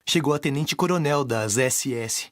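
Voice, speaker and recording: A man's voice: medium pitch, normal speed, fairly bright tone, no echo, clean studio sound, natural voice. A man giving explanatory dubbed commentary in a documentary. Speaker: voice-over dubber of an expert interviewee. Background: music.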